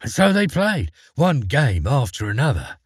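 A male storyteller reads a fairy tale in a dramatic, expressive way, and his voice rises and falls widely. The tone is husky, and the recording is dry and close with no room sound. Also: medium pitch, normal speed, no echo.

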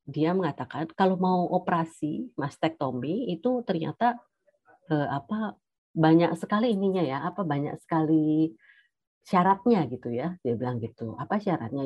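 A middle-aged woman giving a personal testimony as a cancer survivor, hesitant, with many pauses and fillers. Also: deep voice, no echo, muffled recording. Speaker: cancer survivor sharing her story.

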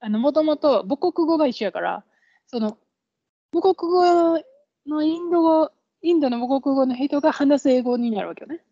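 A woman with a Kansai accent co-hosts a casual podcast chat, explaining things through examples and laughing often. Her high voice is expressive and dark-toned at a moderate pace, with no echo on the dull lo-fi podcast audio.

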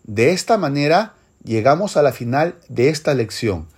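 A teacher narrating a scripted language lesson, speaking slowly and clearly. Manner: slow, clear instructional delivery with lively pitch.

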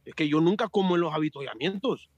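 A man chatting as a podcast guest, telling animated stories, joking and swearing freely over a remote call. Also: a little high, fast talker, muffled recording, crowd noise. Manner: animated storyteller, swears, jokes. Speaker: podcast guest, amateur cyclist. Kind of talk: casual chat.

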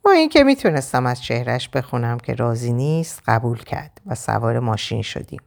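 Woman storyteller, expressive first-person reading; low, lively voice. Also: vocal fry.

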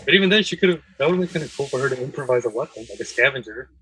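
A man co-hosting a casual film chat, agreeable and quick to chime in. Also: mid-range voice, expressive, crowd noise, low-quality recording. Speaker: podcast co-host.

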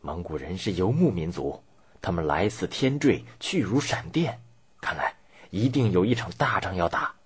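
Man voicing an anxious, low-voiced townsman in a story. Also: lively intonation, moderate pace, slightly rough, full character voice. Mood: anxious, fearful. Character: anxious townsperson fearing an invading army.

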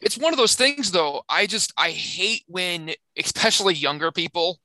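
Bright-voiced young man in casual chat. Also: high voice, lively intonation, moderate pace, no echo. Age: young adult. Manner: loose, joking, swears casually. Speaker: podcast co-host.

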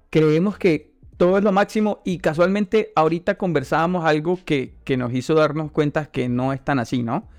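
A man's voice: medium pitch, a little mellow, smooth, dry recording. A man from Santa Marta, hosting a podcast and chatting with a guest in a friendly way. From Santa Marta, Colombia. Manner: friendly, repeats words as he gathers his thoughts. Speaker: podcast host. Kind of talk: casual interview chat.

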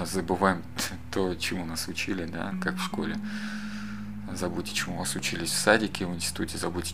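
Man, 30s, very low voice, creaky, rambling casual monologue, loud guitar music behind. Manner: rambling, digresses and talks straight to the listener. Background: loud acoustic guitar music.

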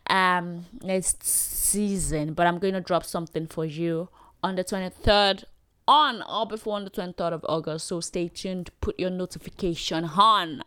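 A woman's voice: mid-range voice, fairly bright tone, clear, resonant tone, no echo, studio quality. A young adult Nigerian woman hosting her own podcast, talking in a chatty, rambling way with fillers and little laughs. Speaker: podcast host. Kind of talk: solo podcast chat.

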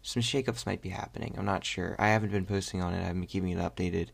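A man's voice: low voice, steady tone, very fast, gravelly, husky. A young man hosting a podcast in casual chat, rambling and hesitant with lots of fillers. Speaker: podcast host.

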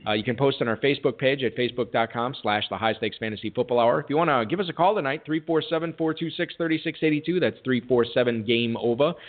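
Hosting a fantasy football talk show, a man reads promos with jokey, self-deprecating patter in the style of casual sports radio. He talks fast at medium pitch with hardly any pauses, and the audio sounds tinny, like a phone.

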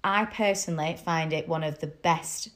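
A woman's voice: low voice, moderate pace, fairly bright tone. A woman in her own voice, a wedding makeup artist co-hosting a podcast, chatting with enthusiasm and drawing her co-host in. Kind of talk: casual podcast chat.

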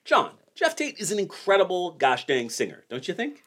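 Animated, joking man in his forties. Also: high-pitched, normal speed. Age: 40s. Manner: wry, joking storyteller. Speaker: podcast host. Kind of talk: casual podcast chat.

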